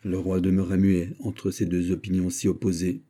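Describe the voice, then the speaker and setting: Dark-voiced male audiobook narrator. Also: sits low, level tone, moderate pace, husky. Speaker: audiobook reader. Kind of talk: scripted narration.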